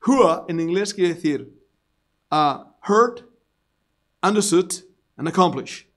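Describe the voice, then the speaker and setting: A man from Spain preaches with a Spanish accent in a notably high voice. He moves between explaining and loud, emphatic declarations, with playful asides to his congregation. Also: lively intonation, slow. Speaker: pastor. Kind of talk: sermon. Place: church service before a congregation.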